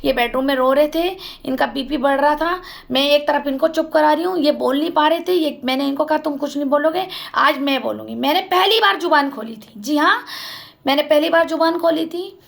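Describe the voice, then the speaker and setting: Woman with a raspy fry in her voice, vlogging her story, fired up and accusing. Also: sits high, a little fast. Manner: impassioned, accusatory, addresses family members directly. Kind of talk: emotional personal account to camera.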